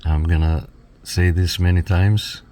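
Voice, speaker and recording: In a relaxed product demonstration, a man reviewing radio equipment explains each step for viewers like a tutorial. He speaks a little slowly in a low, dark voice with a level tone.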